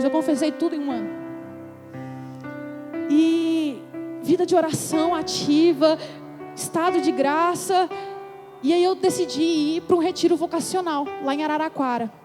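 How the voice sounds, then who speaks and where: Young woman, high-pitched, emotional church testimony, animated storytelling, music underneath. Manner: animated storytelling, acts out her own past words. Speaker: testimony speaker at a church congress.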